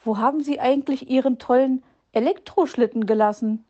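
A gossipy magpie lady pokes fun at everyone in a high, mocking voice, as a woman reading a storybook puts her on. Her teasing has a mellow tone. The recording sounds dull. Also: a little slow.

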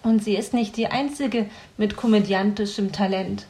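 A woman's voice: mid-range voice, steady tone, normal speed, mellow, lightly acted. Woman playing a sulky, fretful young man. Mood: wry, rueful. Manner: sulky, grumbling.

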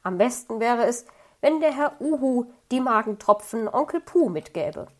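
A crafty, grumpy fox uncle sulks and schemes in a read-aloud story, as a woman puts him on. His words come out grumbling and sly, cooking up excuses. The voice sits a little higher than most. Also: animated, moderate pace. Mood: coaxing.

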